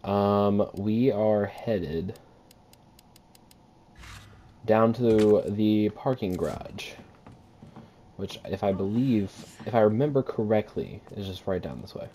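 A man's voice: fairly low pitch, slow, pauses often, mellow, a little hiss or hum. A man streaming a horror game with live commentary, sounding scared and panicky, in casual slangy talk with swearing.

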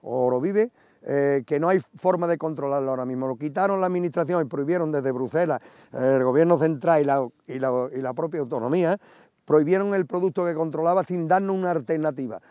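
A man's voice: fairly high pitch, a little mellow, no room sound. A middle-aged man, a farmers' spokesman, protesting firmly in an outdoor field interview. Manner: firm, protesting.

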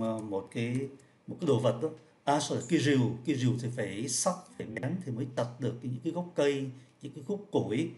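A man's voice: mid-range voice, darkish tone. Patient man explaining French riddles. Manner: patient, repeats each point, slows down for French words. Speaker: French teacher.

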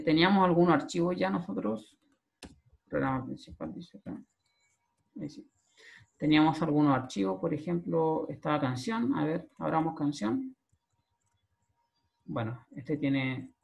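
In this recorded screen-share class, a male programming lecturer with a Chilean Spanish accent walks through the material step by step, often checking in with "¿ya?". His voice is fairly high and creaky, his pace moderate, with long pauses.

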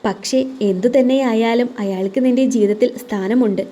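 A blunt young woman friend from an audio story presses her coworker for the truth in a teasing, lively way, as a woman puts her on. She talks a little higher and louder than the narrator. Her voice stays mellow and warm throughout. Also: moderate pace, natural voice. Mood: pushy, caring.

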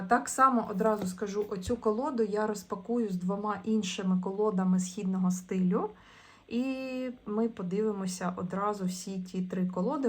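A woman chatting casually through an unboxing, with hesitant fillers and restarts. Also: mid-range voice. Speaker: vlogger unboxing tarot and esoteric goods.

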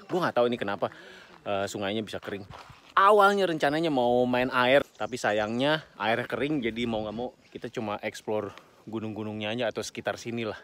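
A man's voice: medium pitch, fairly quick. A man in his thirties with an Indonesian accent, hosting a casual travel vlog outdoors and filming himself with a phone at arm's length. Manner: chatty, relaxed, informal slang. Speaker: vlogger host. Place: outdoors by a dry riverbed in bushland.

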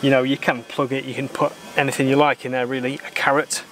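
A man in his thirties talks through a boat repair in a calm, methodical way, now and then blunt in his opinions. His pitch stays level and even. The outdoor camera mic picks up a faint background hum. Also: quick pace. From Britain. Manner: calm, methodical, plain-spoken, mildly opinionated. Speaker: sailor doing boat repairs. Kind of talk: explaining repair steps while working. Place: outdoors in a garden workshop.

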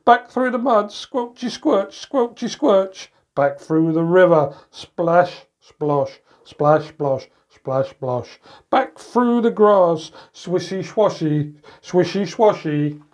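This middle-aged man reads bedtime picture books to little ones in a grandad role, tossing in playful sound words. He speaks slowly in a high, expressive voice, indoors at home beside a door.

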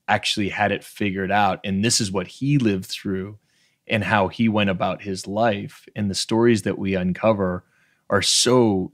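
Talking into a studio microphone on a stand, a podcast host in his thirties from Canada's Maritimes chats casually with a guest via video call in a bookshelf-lined home room. He is frank, emphatic and freely profane, and his lowish voice comes through dry, with studio quality.

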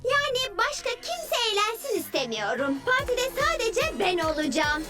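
Luna Girl, very high-pitched gloating villain girl. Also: very animated, normal speed, over loud music. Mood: smug, taunting. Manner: taunting, mocking. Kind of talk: animated children's cartoon dubbing.

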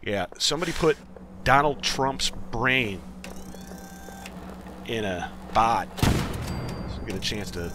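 A man's voice: lowish voice, expressive, slow pace, pauses often, very noisy. Joking, congested man doing game commentary. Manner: rambling, joking, offhand. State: slightly congested from a cold. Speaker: let's play host. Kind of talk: casual gameplay commentary.

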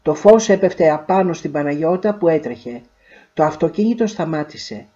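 A woman narrating a literary short story in a measured, expressive way. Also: deep voice, highs cut off.

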